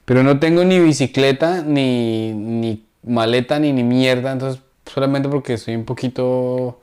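A young man trades jokes as co-host of a comedy podcast. He talks loosely and swears often, in a voice of middling pitch. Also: a little slow, a little mellow, clean tone. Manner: joking, swears freely. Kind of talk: casual chat.

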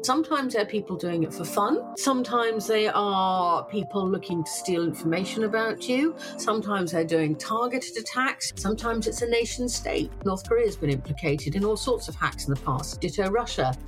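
Female interviewee, expert explainer, mid-range voice, clear music bed under the speech. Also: medium pitch, lively intonation, moderate pace, hardly any pauses.

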